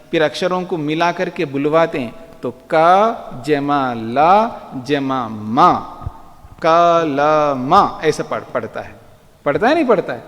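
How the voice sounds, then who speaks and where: Guy lecturing students slow and patient, high voice, echo hall. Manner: patient, repeats words slowly for students. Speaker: Vedic philosophy teacher. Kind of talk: classroom lecture. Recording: long hall reverb.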